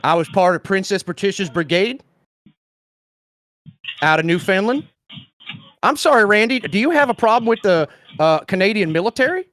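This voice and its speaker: A man's voice: high-pitched, expressive, moderate pace, long pauses, a bit bright, pitched above the performer's own voice. A man voicing a rambling, folksy 76-year-old man who stammers and jokes.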